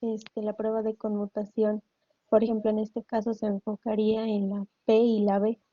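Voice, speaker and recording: Joven mexicana, respuesta vacilante en clase en línea, voz opaca y monótona. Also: female voice, mid-range voice, completely flat delivery, moderate pace, dry recording, lo-fi sound. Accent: Mexican Spanish. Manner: hesitant, searching for words. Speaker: university student. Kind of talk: answering in online class. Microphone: video call audio.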